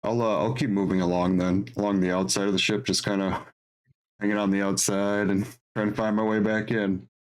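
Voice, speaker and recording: A man with a lowish voice plays in a tabletop game. He sounds tentative and a little giggly as he describes his moves. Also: flat delivery, fairly quick, clean tone. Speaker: player. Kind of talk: casual tabletop game chat.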